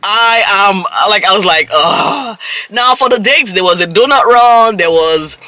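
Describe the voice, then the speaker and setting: A man giving a casual, gossipy recap of a reality dating show, animated and quick to act out people's reactions. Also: high-pitched, clear, resonant tone, no echo, faint music behind. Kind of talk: casual episode recap commentary.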